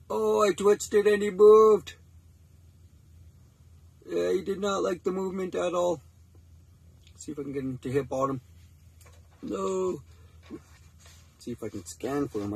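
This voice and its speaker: A man's voice: sits high, slight background noise, low-quality recording. Chatty man vlogging from an ice tent. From Canada. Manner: rambling, chatty, with frequent fillers and laughs. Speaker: fishing vlogger. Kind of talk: casual vlog talk to camera. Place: inside an ice fishing tent. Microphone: phone camera at arm's length.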